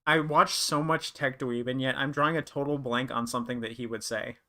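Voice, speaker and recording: A man's voice: mid-range voice, steady tone, a little fast, sharp tone. A young man chatting casually on a live stream, thinking aloud and rambling with lots of fillers.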